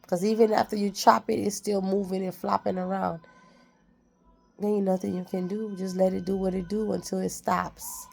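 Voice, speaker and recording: A woman speaks straight to her viewers in a casual, heartfelt way. Her voice is strongly gravelly and full of fry. She sits at a middle pitch and drives her points home by saying the same phrase again and again. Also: little pitch movement, moderate pace, a little mellow, soft background music. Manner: repeats phrases for emphasis, preachy and heartfelt. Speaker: vlogger. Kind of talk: casual motivational talk.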